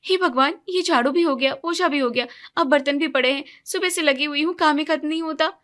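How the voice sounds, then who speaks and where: A woman voicing an overworked young wife and mother in an animated storybook, speaking in an exasperated, complaining way. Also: high-pitched, voice pushed up. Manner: exasperated, complaining, quick to flare up.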